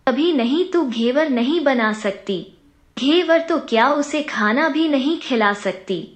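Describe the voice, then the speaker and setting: A woman's voice: high-pitched, expressive, slow. A woman doing a furious miserly merchant. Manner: scolding, furious. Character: miserly, hot-tempered rich merchant man.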